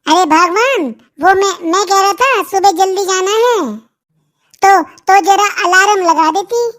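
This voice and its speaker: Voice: very high-pitched, a little slow, fairly bright tone. A performer voicing a timid, henpecked cartoon husband who stammers and wheedles, in comic cartoon dialogue. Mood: pleading. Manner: stammering, wheedling and fumbling for words.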